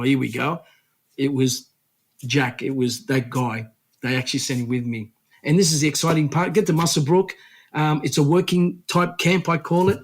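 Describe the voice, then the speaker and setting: A man talks as a guest on a radio interview, telling his story with lots of restarts and a lively, rambling flow. His voice sits somewhat high for a man. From Australia.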